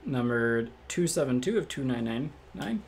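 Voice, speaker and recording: Reading off cards at a moderate pace, a slightly raspy man with a medium pitch hosts a casual card break, thinking out loud in a relaxed, matter-of-fact tone. He sits at a table indoors before a fixed camera, and there's slight background noise.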